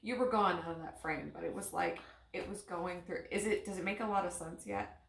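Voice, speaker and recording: A woman in an unscripted paranormal session, describing impressions haltingly and trailing off as she searches for words. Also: on the low side, fairly even intonation, creaky. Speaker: paranormal investigator receiving in a spirit box session. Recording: roomy, echoey sound.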